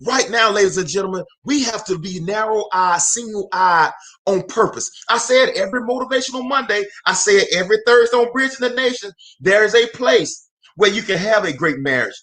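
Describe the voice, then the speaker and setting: Expressive and fairly quick, this high-sitting male voice has a sharp tone. The speaker, a motivational host in his forties, delivers a fervent live talk with preacher-like cadence, repeating phrases and calling out to viewers.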